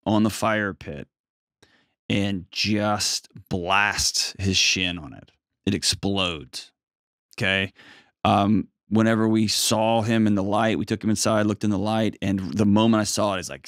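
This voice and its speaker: A man with a fairly deep voice coaches a caller in a conversational style. He is plain-spoken and folksy, leaning on key words for emphasis. The sound is very dry, with no room around it. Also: dry recording. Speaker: advice show host counseling a caller.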